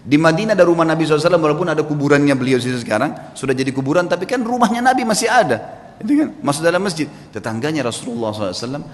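A man tells a story from the pulpit in a lively storytelling sermon. He acts out each quoted speaker, jumping high and dropping low in pitch. His voice carries a long hall reverb. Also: rapid-fire. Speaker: preacher.

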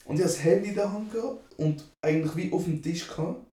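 A man's voice: high-pitched, fast talker, warm tone. A young man with a Swiss German accent, co-hosting a podcast and telling a story in slangy casual chat full of tag questions. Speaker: podcast co-host. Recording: echoey room, distant from mic.

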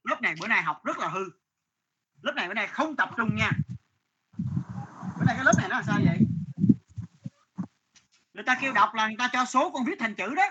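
A man teaching math to a class, stern and scolding, dictating numbers slowly. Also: high voice, animated, highs cut off, background noise.

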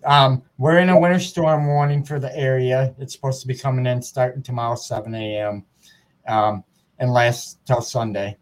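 A man's voice: mid-range voice, fairly even intonation, normal speed. Friendly chatty male podcast host. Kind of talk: casual podcast interview.

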